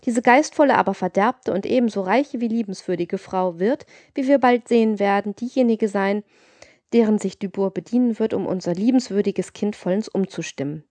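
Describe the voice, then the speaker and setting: A woman narrating a classic novel in a measured, expressive audiobook reading. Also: medium pitch, no echo.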